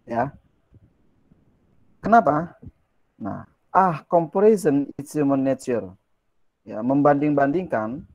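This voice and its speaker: A man with a gravelly, mellow voice teaches a relaxed language lesson. He reads English phrases slowly, then explains them in quick, chatty Indonesian and asks his listeners questions. The sound is close and dry. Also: mid-range voice, dry recording, lo-fi sound.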